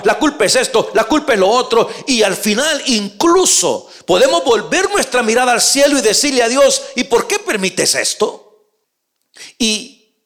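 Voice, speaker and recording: Guy preaching a sermon, voice sits kinda high and swings all over, goes quiet then builds up loud. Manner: addresses listener as brother.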